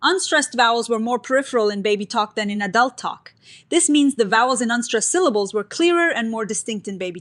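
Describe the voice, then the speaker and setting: A woman hosting a science explainer, giving a scripted narration of a research paper in a clear, upbeat, explanatory way with everyday comparisons. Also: fairly high pitch, fairly bright tone.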